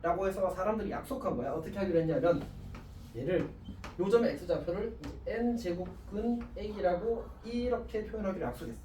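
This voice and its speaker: A male high school math teacher giving a casual classroom lecture, chatty and self-mocking, always checking with the class. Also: normal speed, warm tone. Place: classroom with students. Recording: echoey classroom, distant mic, faint hiss.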